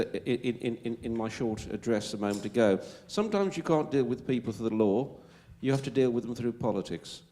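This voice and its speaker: A man's voice: mid-range voice, a little mellow. A man with a Wolverhampton accent answering as a panel speaker at a public Q&A, emphatic and stumbling over repeated words.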